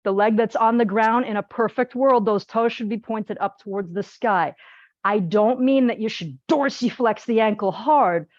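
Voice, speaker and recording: A lively woman with a slightly high voice leads an exercise class. She instructs directly and chats with animated humor. The sound is close and dry, though somewhat dull and lo-fi. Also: moderate pace, no room sound. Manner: direct, plain-spoken coaching.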